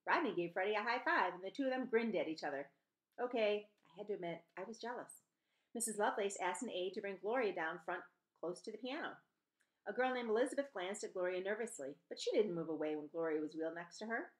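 This middle-aged woman has a mid-range voice and reads fast and animatedly, performing a children's novel as a storyteller and giving the characters different voices. The recording comes from a webcam or laptop microphone at desk distance in a small indoor room at home.

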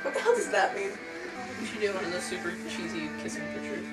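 A woman's voice: on the low side, big pitch swings, fast talker. A woman chatting casually on camera with a friend, giggling, teasing and cracking crude jokes, recorded on a webcam at home. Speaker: vlogger. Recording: roomy, distant webcam sound with music behind.

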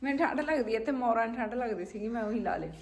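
A woman's voice: on the high side, animated, racing. A woman with a Punjabi accent chatting casually as a family vlogger, in a dramatic, exclaiming, scolding manner. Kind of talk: casual farm-chore chat.

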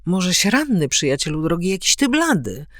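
Calm, concerned musketeer, read by a woman. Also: on the low side, normal speed, no echo, clean studio sound. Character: composed older male musketeer, worried friend.

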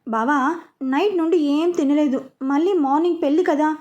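A woman's voice: high voice, moderate pace, darkish tone, lightly acted. A woman voicing a carefree young man who talks coolly and teasingly, in a spoken story. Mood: casual. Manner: cool, teasing, offhand.

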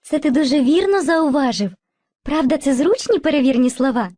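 A woman's voice: high voice, expressive, brisk, no echo, clean studio sound. A woman voicing Movka, a kind female spirit of language who teaches and narrates patiently in an educational cartoon. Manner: patient, gently instructive, addresses children fondly.

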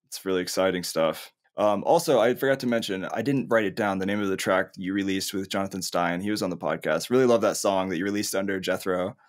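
A man's voice: sits low, fast, hardly any pauses. A man hosting a podcast, upbeat and enthusiastic with his guest. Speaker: podcast host. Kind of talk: casual interview chat.

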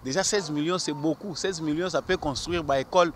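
This man's voice sits on the high side and runs a little fast as he responds to a street interviewer, switching between French and Lingala. He is in his thirties, from the DRC, with a Congolese accent, and he speaks earnestly and argumentatively, stammering on repeated words while moving his hand. The outdoor recording on a busy city square, via a held-out handheld mic, carries faint traffic noise.

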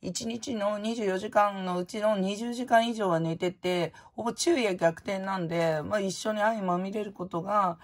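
A woman's voice: medium pitch, fairly even intonation, moderate pace, hardly any pauses. A woman vlogger chatting casually and frankly as she opens prizes, rambling from topic to topic. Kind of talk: casual chat while opening prizes.

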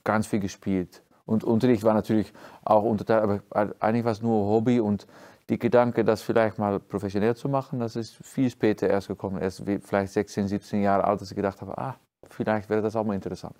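A lower-voiced Dutch man in his forties speaks German as a second language, stumbling and restarting often. He answers questions calmly as a guest in a studio interview. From Friesland, Netherlands. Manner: halting German with frequent restarts and fillers. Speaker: trombone professor, guest. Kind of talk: interview conversation. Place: dark studio stage, indoors.

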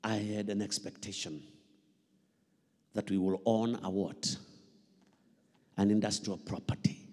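With a mellow, fairly low voice and flat delivery, a middle-aged Kenyan pastor preaches unhurriedly, pausing at length. Into his handheld microphone he repeats phrases emphatically and prompts the listeners with call-and-response questions. Reverberant PA sound fills the large indoor church hall.

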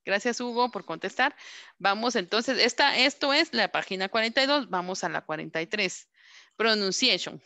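A woman's voice: mid-range voice, expressive, normal speed, pushed and bright. A woman English teacher giving an online class, patiently repeating words for students to echo. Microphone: computer microphone on a video call.

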